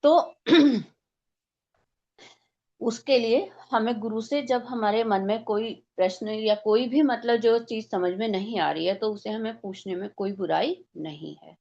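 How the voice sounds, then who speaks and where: A woman's voice: fairly high pitch, a little slow, a little mellow, lo-fi sound. A woman teaching a devotional scripture class, explaining step by step and posing rhetorical questions.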